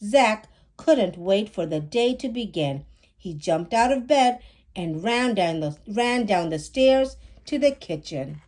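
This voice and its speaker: Acting out dialogue as she goes, a woman gives a measured, unhurried reading of a children's story. She narrates expressively with lively intonation, and her medium-pitched voice is a little mellow.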